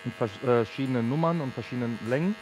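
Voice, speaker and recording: A barber in his thirties casually explains his work while working, speaking through a headset mic in a large indoor sports hall. His medium-pitched voice races along, with background noise present.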